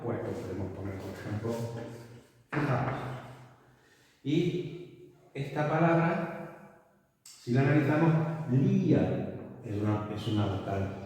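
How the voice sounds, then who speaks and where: A man teaching a spelling lesson, explaining patiently and often checking that his listeners follow. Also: mid-range voice. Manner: explanatory, frequent checking tags, lively emphasis. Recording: echoey room from far off, faint noise.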